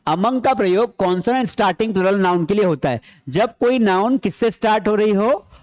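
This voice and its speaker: A man teaches a grammar class in an expressive, high, darkish voice at a fairly quick pace. He repeats key points, asks questions he answers himself, and explains in Hindi mixed with English terms.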